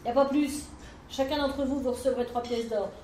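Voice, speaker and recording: A woman's voice: high voice, fairly even intonation, moderate pace, dark tone, a little hiss or hum, lightly acted. A woman storyteller voicing a curt, dismissive army sergeant. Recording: roomy live room, mic at a distance.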